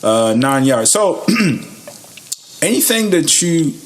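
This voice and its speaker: A man hosting a casual podcast interview, playful and quick to laugh. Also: fairly high pitch, very animated, noisy background. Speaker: podcast host.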